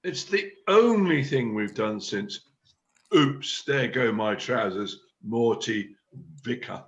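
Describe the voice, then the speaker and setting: A man's voice: medium pitch, expressive, slow pace, dull audio. A man reading the part of a self-important chairman of an amateur drama group, declaiming his big plan. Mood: scheming. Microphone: video call.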